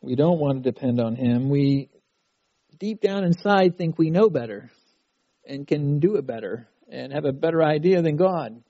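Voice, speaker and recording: A man's voice: a little high, animated, moderate pace, warm tone, no echo, muffled recording. A middle-aged man preaching a sermon at a youth conference, talking in a conversational way and acting out a frustrated child's cries. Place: conference hall.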